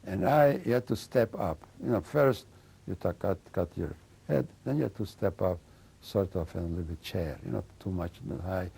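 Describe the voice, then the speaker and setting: An older man giving oral history testimony, halting as he searches for words and often adding "you know.". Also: low-pitched, vocal fry, dark tone, husky. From Slovakia and Hungary. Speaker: interviewee recounting memories.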